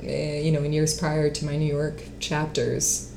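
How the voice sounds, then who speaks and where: A woman's voice: sits low, flat delivery, measured pace, creaky, noisy background. Chatty laughing woman in her late twenties. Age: late 20s. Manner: chatty, laughs often, many fillers. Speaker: guest singer-songwriter and actress. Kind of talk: casual interview chat.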